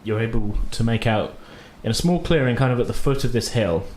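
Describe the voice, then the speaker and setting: A game master runs a tabletop game, improvising descriptions and casual chat in a loose, colloquial, hesitant way. His voice is mid-range, animated, a bit fast and slightly mellow, and the recording has a roomy echo with faint background noise.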